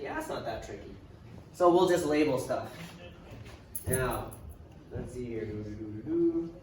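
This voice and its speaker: Male math teacher, casual classroom lecture, dry sarcastic asides, far from the mic, echoey room. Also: on the high side. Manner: casual, thinks aloud while writing, dry sarcasm. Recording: echoey classroom from afar, hiss.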